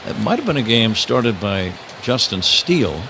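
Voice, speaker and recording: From a ballpark broadcast booth, an American man calls a baseball game live on radio play-by-play, his voice low-ish, sing-songy and moderately paced. The live broadcast is noisy, with clear outdoor stadium sound all around.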